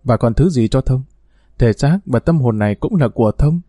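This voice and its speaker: A man's voice: medium pitch, lively intonation, moderate pace, warm tone, no room sound, clean studio sound, natural voice. A man voicing a flirtatious, haughty wealthy woman, coquettish with her lover and cold to her servant.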